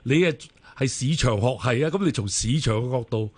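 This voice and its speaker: A man's voice: medium pitch, animated, a little fast, darkish tone. Male radio host summing up points. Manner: sums up points in numbered steps. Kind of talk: talk radio interviewing.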